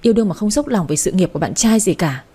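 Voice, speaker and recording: A woman reading a storybook takes on the part of a young man with a broken heart, sobbing, whimpering and stammering in a rushed, tearful way. Her mid-range voice is mellow with a breathy edge and lively intonation.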